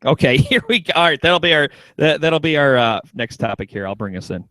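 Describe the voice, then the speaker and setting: A man's voice: fairly high pitch, lively intonation, fairly quick, a bit bright, dry recording, poor audio. A man hosting a talk radio show in casual chat, joking around and restarting his sentences a lot. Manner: joking, lots of restarts and stammers.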